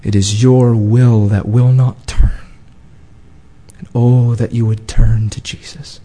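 A male preacher giving an impassioned sermon in a church, pleading and calling out, then dropping to a hushed tone. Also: mid-range voice, flat delivery, slow.

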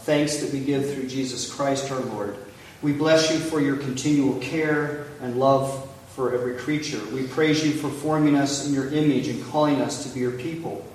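A male pastor leads a communion liturgy in a large church sanctuary, reciting prayers in a measured, solemn way with a medium-pitched, darkish voice. He is far from the mic, so heavy cathedral-like echo with long reverb dominates, along with faint hiss.

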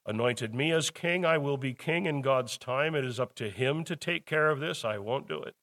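A man's voice: mid-range voice, normal speed, a bit bright, lightly acted. A man voicing the biblical David, a young, earnest and loyal man, in quoted lines of a Bible lesson. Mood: resolute. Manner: plain retelling with quoted speech.

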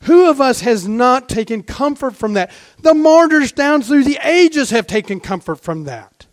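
A man with a notably high voice preaches a sermon in an unhurried, deliberate way. He talks fervently, asks rhetorical questions and drops to a hush before rising again. The sound is close and dry. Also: lively intonation, no echo. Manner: fervent, rhetorical questions, swings between hushed and raised.

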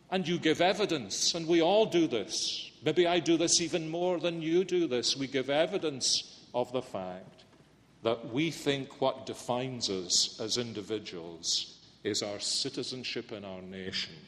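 Slow-speaking male preacher in a hall. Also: medium pitch, a bit bright. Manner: earnest, emphatic, rhetorical questions. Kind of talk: sermon. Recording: long reverb in a hall.

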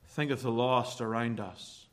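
Slow, bright-toned Irish preacher. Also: male voice, mid-range voice, fairly even intonation. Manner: earnest, rhetorical questions, emphatic slowed phrases. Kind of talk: sermon. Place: church.

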